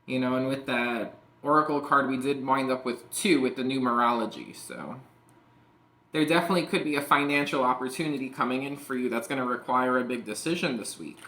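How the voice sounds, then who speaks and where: A man's voice: medium pitch, a little fast, bright, forceful tone. A man giving a casual tarot reading, rambling and peppering his talk with "like" and "you know". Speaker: tarot reader. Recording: echoey room.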